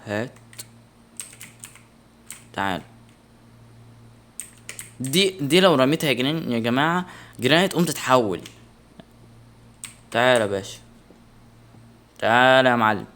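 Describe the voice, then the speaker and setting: An excitable young man with an Egyptian Arabic accent, giving let's-play commentary on a horror game, yelping in alarm and muttering to himself. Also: mid-range voice, unhurried, pauses often. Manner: excitable, shouts in alarm, mutters under breath. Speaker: gaming channel host.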